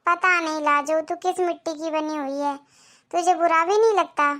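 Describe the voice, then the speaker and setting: A woman voicing a kind elder daughter-in-law in a cartoon, soft-spoken, sympathetic and a little troubled. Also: very high-pitched, moderate pace. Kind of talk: Hindi cartoon voice acting.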